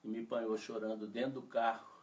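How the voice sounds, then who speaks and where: A man's voice: on the low side, little pitch movement, brisk. A man, a pastor from Brazil, telling an emotional testimony in a sermon and voicing the people he quotes. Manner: emotional storytelling, voices quoted speech. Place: church. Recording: voice from far off the mic.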